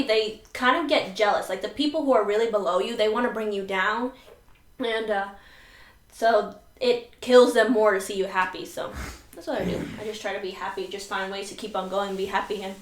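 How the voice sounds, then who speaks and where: A woman's voice: medium pitch, a little fast. A woman chatting casually and laughing while she eats on a food video. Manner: chatty, animated, laughs often. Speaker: mukbang co-host. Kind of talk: casual chat while eating. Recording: echoey room.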